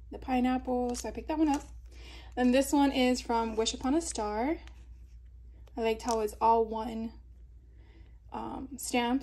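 A woman from Florida, her voice on the high side and a little mellow, shows craft supplies at an indoor table. As a craft vlogger doing a casual haul, she chats with fillers and little laughs.

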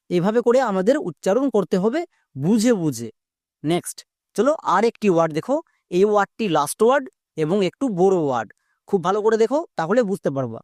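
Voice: mid-range voice, dark tone, no echo, studio quality. A teacher giving a spoken lesson on breaking long words into parts for pronunciation. The teacher explains step by step and keeps checking that the listener is following. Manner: instructive, repeats steps and quizzes the viewer.

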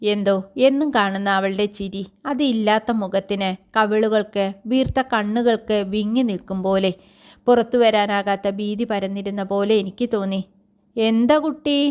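A woman narrates a literary short story in the first person. Her reading is measured and steady, at an ordinary mid pitch. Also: clean tone. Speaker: story reader.

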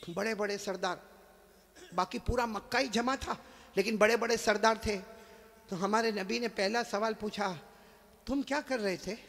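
A man preacher telling a story at a live religious gathering, swinging from hushed narration to shouted exhortation and calling on the crowd to answer. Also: sits high, creaky, in a large hall, a little hiss or hum. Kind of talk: dramatic storytelling sermon.

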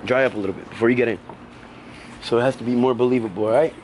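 A young prank vlogger talks casually by a backyard pool at a racing pace, his medium-pitched voice staying steady in tone. He meanders, repeats himself and scatters fillers throughout. Loud music plays over his voice, with slight background noise as well.

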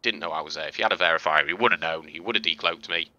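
A man with a low voice and a hard, forceful edge to it talks through gameplay clips in a relaxed, chatty way. He explains as he goes, with plenty of fillers and restarts. The sound is dry and close, with no room around him. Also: rapid-fire, no echo, lo-fi sound. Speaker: gaming video host. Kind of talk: casual gameplay commentary and tutorial.

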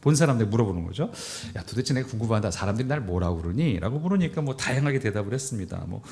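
A man's voice: on the low side, animated, rapid-fire, darkish tone. A man preaching a sermon as pastor, in a conversational way that acts out quoted dialogue.

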